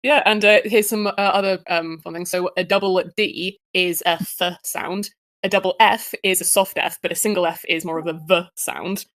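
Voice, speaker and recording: This Guildford player, a young Englishwoman with a Southern English accent, rambles through a casual chat full of fillers. She speaks at a normal speed in a lowish, slightly bright voice with a steady tone, and the recording has no room sound.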